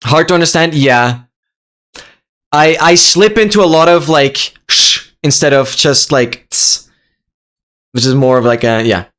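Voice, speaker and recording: Speaking with a medium-pitched voice, this young adult from Austria streams live, talking eagerly with viewers in Austrian-accented native German and saying some phrases more than once.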